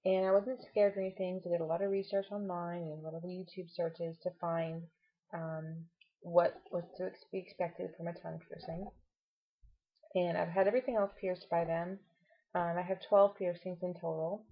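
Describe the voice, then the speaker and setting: A woman's voice: on the low side, little pitch movement, moderate pace. A woman giving a casual, explanatory vlog update with reassuring advice, her speech affected by a swollen tongue. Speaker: vlogger. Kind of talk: casual personal update to camera. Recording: dull, muffled lo-fi home recording.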